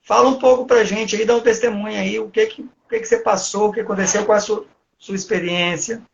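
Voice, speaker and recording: A man's voice: sits high, fairly even intonation, a little fast, vocal fry, a little hiss or hum. A man interviewing a guest in a casual, prompting way. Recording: dull lo-fi recording.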